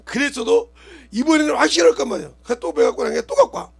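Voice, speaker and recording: Middle-aged male pastor preaching, high and lively pitch, shouts, then drops low, quizzes the congregation. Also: rapid-fire, vocal fry. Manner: swings from loud shouting to quiet murmurs, asks the congregation questions. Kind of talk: sermon.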